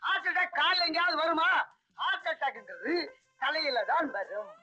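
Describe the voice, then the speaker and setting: An actor playing a gullible moneylender who scolds and lectures, in old film comedy dialogue. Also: male voice, very high voice, sing-song, moderate pace, bright, forceful tone, soft background music, exaggerated voice, rough recording. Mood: scolding.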